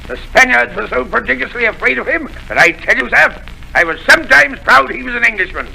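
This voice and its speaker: An actor playing a boastful, excitable country squire in a 1930s radio drama, talking in a theatrical, exclaiming way. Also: male voice, very high voice, fairly quick, vocal fry, slightly rough, exaggerated voice, low-quality recording. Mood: hearty. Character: blustering, boastful middle-aged country squire.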